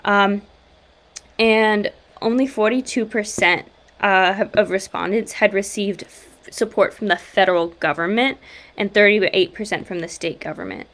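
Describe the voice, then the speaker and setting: A woman at a middle pitch joins a casual discussion. She works her way through numbers out loud, pausing often on "uh" and "like" as she goes. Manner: talks through numbers with hesitant fillers. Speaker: discussion participant.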